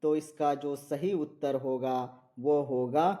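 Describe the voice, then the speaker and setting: A man's voice: fairly high pitch, fairly even intonation, slow pace, warm tone. A man teaching Hindi exam questions, reading out the options and repeating each answer, drawing out letter sounds. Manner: reads options aloud, repeats answers, asks viewers to comment.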